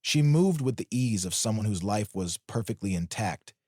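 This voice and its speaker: A man reading a scripted drama story aloud in a steady storytelling manner. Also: lowish voice, normal speed, no echo, studio quality. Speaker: narrator.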